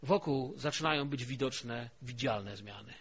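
Emphatic preacher, lo-fi church recording. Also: male voice, medium pitch, measured pace, husky. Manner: storytelling, swings from hushed to emphatic. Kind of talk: sermon. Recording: dull lo-fi recording.

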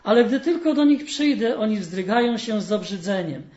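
A frail, lonely spirit of sorrow from a spoken fable, as a man voices him, who sighs and pleads his case plaintively. The voice runs high. The space echoes, and the sound is dull. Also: lively intonation, moderate pace, a little mellow. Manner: plaintive, sighing complaint. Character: weary, shrunken male Sadness, lonely and misunderstood.

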